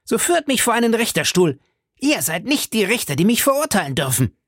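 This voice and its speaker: A man reading aloud and voicing a desperate, vengeful condemned noblewoman in a shrill, pleading tone. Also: big pitch swings, fairly quick, a bit bright, no room sound, studio quality, exaggerated voice.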